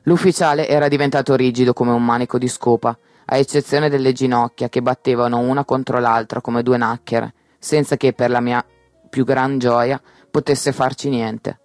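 A man reading a novel aloud in first person, with a measured, wry storytelling delivery. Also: medium pitch, little pitch movement, dry recording, faint music behind. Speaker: audiobook narrator.

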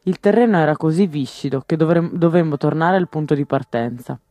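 A man narrating a novel as an audiobook, reading steadily and raising his voice for shouted lines. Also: a little fast, dry recording. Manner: steady storytelling, lifts pitch for shouted quotes.

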